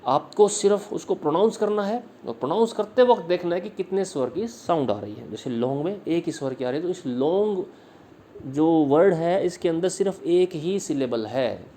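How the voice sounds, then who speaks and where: A male English literature teacher giving a slide-based video lesson, patiently repeating words slowly and explaining each slide line. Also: a little high, expressive, dark tone, slight background noise.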